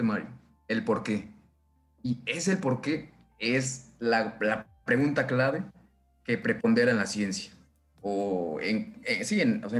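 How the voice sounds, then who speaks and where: A man who works in science, talking casually on a podcast, eager and rambling with many restarts. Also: mid-range voice. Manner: enthusiastic, agreeing, rambling. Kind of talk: casual conversation.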